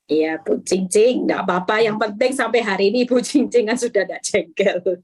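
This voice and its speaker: Woman pastor on zoom, warm and reassuring, animated way of talking. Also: medium pitch, moderate pace, husky. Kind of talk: pastoral counsel. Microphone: video call.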